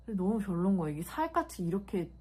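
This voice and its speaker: A woman's voice: medium pitch, sing-song, racing, darkish tone, slightly rough. A young woman talking to camera in a casual vlog, telling her story with emotion and candor, acting out sounds as she goes. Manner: emotional, candid storytelling with vivid sound words. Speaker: beauty vlogger.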